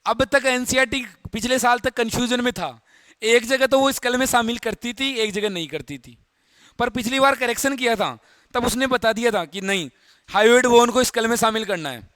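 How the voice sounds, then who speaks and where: High-voiced Hindi biology teacher quizzing students. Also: male voice, normal speed, a bit bright, no echo. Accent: Rajasthani Hindi. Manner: explains step by step, repeating key terms and quizzing students. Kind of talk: classroom lecture.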